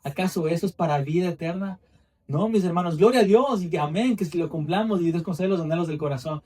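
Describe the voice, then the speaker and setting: A man's voice: sits high, fast, mellow, recorded from a distance. A man, preaching a fervent sermon in a church with repeated, rising emphasis. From Ecuador. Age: 20s.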